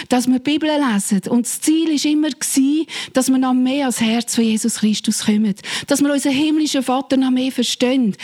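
Earnest high-voiced Swiss German woman. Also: a little mellow. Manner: earnest, heartfelt, speaks in prayerful repetitions. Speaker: church leader. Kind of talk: devotional talk on fasting.

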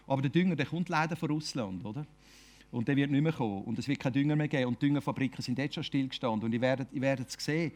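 A man's voice: medium pitch, racing, a little mellow. A man with a Swiss German accent preaching an informal sermon, talking conversationally and often ending phrases with a questioning tag. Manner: conversational, keeps asking "oder?".

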